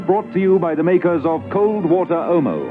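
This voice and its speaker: A man's voice: high-pitched, fairly quick. A man announcing a radio drama serial from a script on an old recording. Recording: tinny phone-like old radio, loud music.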